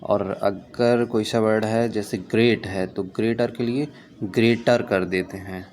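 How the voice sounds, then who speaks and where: A man runs through an exam vocabulary list in a revision lesson, explaining each word in Hindi and repeating it. He reads the English definitions slowly and deliberately in a lowish voice. A faint hiss sits behind him. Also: fairly even intonation, a little mellow.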